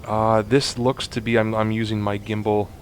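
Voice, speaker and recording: A man narrating a space game walkthrough, explaining steps to viewers in a chatty, instructive way and getting excited at times. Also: fairly low pitch, normal speed, slight background noise. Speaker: gaming YouTuber. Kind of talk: let's play walkthrough commentary.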